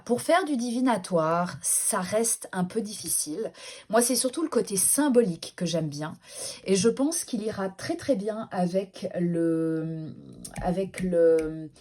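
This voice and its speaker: A woman's voice: on the low side, darkish tone. A woman, chatting casually as she presents her collection in a vlog, with frequent hesitations and self-corrections. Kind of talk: casual show-and-tell vlog.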